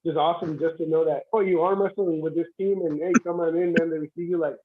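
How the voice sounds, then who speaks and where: Speaking fast with fairly even intonation and a somewhat high voice, a male guest on a livestream explains how he first took up armwrestling. He's a competitor, and his casual chat is full of fillers and false starts, heard through dull lo-fi stream sound.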